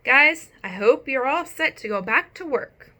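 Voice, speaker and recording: A woman voicing a brisk, friendly male school principal. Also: high voice, animated, sharp tone, pitched above the performer's own voice, exaggerated voice.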